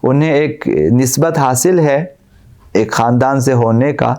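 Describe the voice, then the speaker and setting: Gravelly-voiced male cleric giving a lecture. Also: medium pitch, darkish tone. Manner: quotes Arabic verses, then explains them with repeated examples. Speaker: Islamic cleric. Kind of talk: religious lecture.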